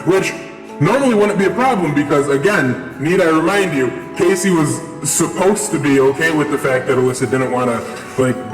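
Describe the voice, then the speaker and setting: A young man rambling through a casual story with lots of fillers, his voice run through a voice changer. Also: medium pitch. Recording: echoey with long reverb, music behind.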